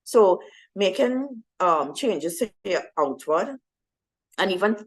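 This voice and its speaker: A woman's voice: medium pitch, sing-song, slow pace, poor audio. A young adult woman telling her personal faith story to a women's group, conversational and often checking in with her listeners. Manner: conversational, with frequent fillers and "right?". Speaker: speaker at a women's ministry talk. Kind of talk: personal testimony to a women's audience.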